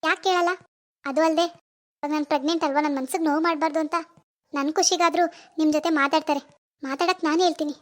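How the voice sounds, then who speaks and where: A woman voicing a gentle, trusting young daughter-in-law in an animated family drama, soft and politely reassuring. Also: high voice, fast, long pauses, natural voice.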